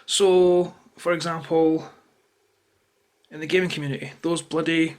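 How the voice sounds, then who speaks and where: Scottish man, high-pitched voice, irritated and opinionated, rambling, sweary, unscripted vlog rant, close to the camera. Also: flat delivery, unhurried. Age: adult, parent of a toddler. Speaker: YouTuber. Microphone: camera held or placed close to him.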